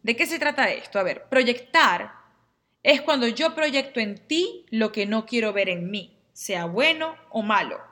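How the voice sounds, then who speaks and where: Mujer que explica temas de astrología y psicoterapia a sus seguidores, con tono animado y acento venezolano, imitando diálogos breves. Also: female voice, on the high side, unhurried. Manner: lively, acts out little dialogues in quotes. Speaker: astrologer and therapy teacher. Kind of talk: casual explainer to viewers.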